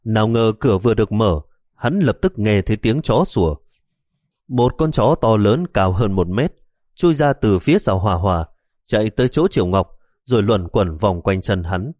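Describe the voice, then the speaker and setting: A man narrating a story in a steady audiobook style. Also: fairly low pitch, normal speed, no echo, studio quality.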